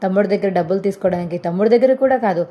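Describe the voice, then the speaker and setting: A woman's voice: medium pitch, racing, muffled recording, lightly acted. A woman voicing a domineering middle-aged mother-in-law who scolds harshly.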